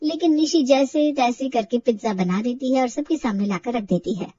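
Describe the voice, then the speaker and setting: A woman narrating a storybook cartoon with lively, animated delivery. Her voice sits high, and the recording is dry, dull and slightly off-mic. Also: normal speed, dry recording, distant mic.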